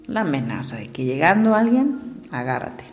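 A woman's voice: deep voice, big pitch swings, normal speed, big-room sound, soft background music. A woman gives a reflective motivational talk and asks her listeners direct questions. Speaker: speaker on emotions.

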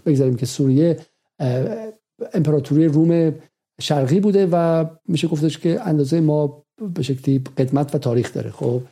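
A man's voice: on the high side, dark tone. A man hosting a political commentary program, arguing his points and repeating phrases for emphasis. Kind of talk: analytical commentary monologue.

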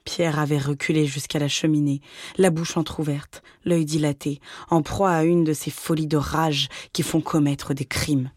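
A reader narrating an audiobook in a measured, dramatic tone. The recording is dry and close. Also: medium pitch, level tone, darkish tone, dry recording.

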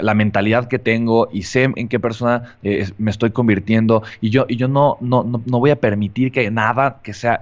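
A man speaking as a guest in a casual interview conversation, talking in a hesitant way with many restarts. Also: mid-range voice. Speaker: podcast guest. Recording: dull lo-fi sound.

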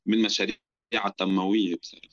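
A man's voice: low voice, little pitch movement, very fast, fairly bright tone, muffled recording. A man with a Levantine Arabic accent in casual chat, slipping often into English slang. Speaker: guest.

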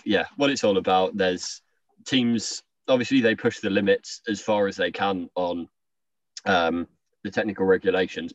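A man's voice: low-pitched, dry recording. A man co-hosting a casual chat, joking and rambling with lots of "like". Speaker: podcast co-host. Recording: distant, dry, dull lo-fi sound.

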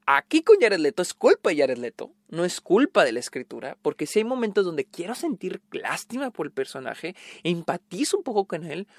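A man's voice: high voice, sing-song, normal speed, hardly any pauses, no echo, studio quality. Blunt Mexican man ranting about a film. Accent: Mexican Spanish. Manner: emphatic, blunt and profane, repeats his points. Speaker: film reviewer. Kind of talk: casual spoken film review.

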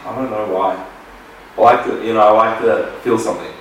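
Low-voiced Australian host in an echoey room. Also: male voice, steady tone, a little hiss or hum. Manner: chatty, swears freely, many quick agreements. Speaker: podcast host. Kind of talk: casual chat. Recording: echoey room, distant mic.

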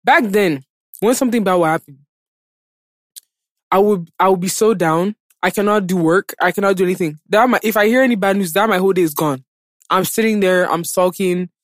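A woman's voice: medium pitch, fairly quick, no room sound. Casting: woman podcast host, impassioned and conversational, emphatic repetition, very dry recording. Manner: emphatic, repeats phrases for stress. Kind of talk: impassioned casual podcast talk.

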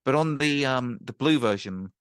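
A man's voice: medium pitch, animated, moderate pace, fairly bright tone, clear, resonant tone, dry recording. Chatty man, easygoing storyteller. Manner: rambling, chatty, laughs often. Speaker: guest musician and ukulele teacher. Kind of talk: casual storytelling.

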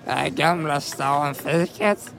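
A man voicing a crazy, rude old woman serving in a café, in an improvised comedy sketch, gruff and snappy. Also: on the high side, fairly even intonation, fairly bright tone, slight background noise, voice pushed down. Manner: gruff, snappy, barks orders.

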